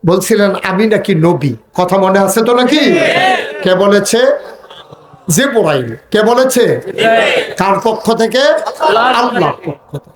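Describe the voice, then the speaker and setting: Rousing preacher, echoing hall. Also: male voice, high-pitched, animated, slow pace, pauses often. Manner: rousing, call-and-response with the crowd, chanting stretches. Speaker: Islamic preacher. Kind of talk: sermon.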